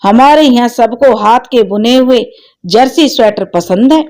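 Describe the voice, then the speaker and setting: A woman's voice: a little high, measured pace, a little mellow, lightly acted. A woman voicing a stern, fussy middle-aged woman who questions and scolds a prospective bride. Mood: questioning. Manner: demanding, disapproving.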